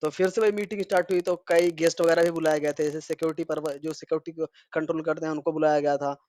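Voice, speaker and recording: Young indian guy vlogging, kinda high voice, rambly with lots of fillers, dry sound. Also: little pitch movement, fast talker, darkish tone, no echo. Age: young adult. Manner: chatty, rambling with frequent fillers and restarts. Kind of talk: casual vlog recounting.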